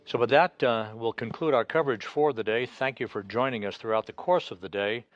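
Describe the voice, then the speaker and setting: A man giving live broadcast commentary as a mission control announcer, in a measured, official manner with hesitant pauses. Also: mid-range voice, no room sound. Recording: dull, band-limited broadcast audio.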